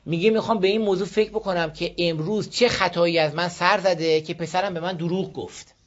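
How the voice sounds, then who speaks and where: A man's voice: high voice, steady tone. A man from Iran giving an informal moral talk on parenting to a group, telling stories and often checking that listeners follow. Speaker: speaker advising a group on parenting. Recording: dull lo-fi recording.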